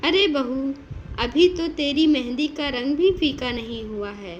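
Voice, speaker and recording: A woman's voice: high-pitched, measured pace, muffled recording, a little hiss or hum. A woman voicing a kind, doting older mother-in-law who speaks affectionately and coaxingly in a storybook tale.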